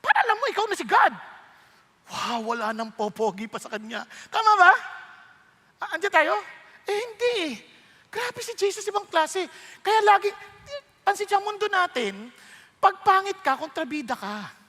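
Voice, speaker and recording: This Filipino-accented pastor preaches conversationally, his bright, sharp voice rising high and bouncing between pitches at a moderate pace with frequent pauses. Lively and joking, he mixes English lines into the sermon, and a church hall's long reverb echoes through the sound.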